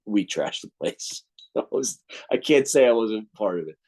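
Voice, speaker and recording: A man's voice: on the low side, moderate pace. Profane New Jersey man telling war stories. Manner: profane, animated storyteller acting out quotes. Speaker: interview guest, musician. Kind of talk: casual storytelling.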